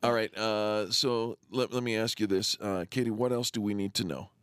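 A man hosting a talk radio interview, animated and jokey, often repeating words as he goes. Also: lowish voice, moderate pace, smooth, no echo, studio quality. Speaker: radio show host.

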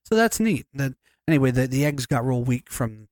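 A man with a sing-song, mid-range, slightly mellow voice co-hosts a podcast at a normal pace. He rambles casually, swears freely and keeps restarting sentences, and the studio sound is clean with no echo.

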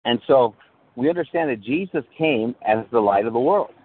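A man's voice: medium pitch, lively intonation, moderate pace. Pastor guy preaching over a phone call, tinny, keeps asking if folks are with him. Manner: preaching, checks in with listeners, restarts phrases. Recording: tinny call line that breaks up.

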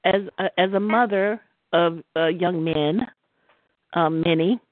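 A woman's voice: lowish voice, slow pace, slight background noise. A middle-aged woman on a church prayer call, speaking earnestly with stammered restarts, heard over the phone. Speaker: caller on a prayer line. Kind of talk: spoken encouragement in a church call. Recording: tinny dry phone line.

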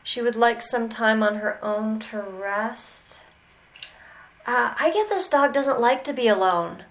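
A woman mentoring a student in animal communication, talking slowly and hesitantly with many pauses and "okay"s. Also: on the high side, fairly bright tone, low-quality recording. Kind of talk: mentoring session.

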